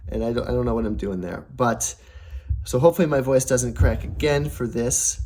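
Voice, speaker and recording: A man's voice: mid-range voice, moderate pace, warm tone. A young adult man talking casually to camera about family savings, upbeat and rambling, with many fillers and restarts. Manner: voice prone to cracking. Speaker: personal finance vlogger.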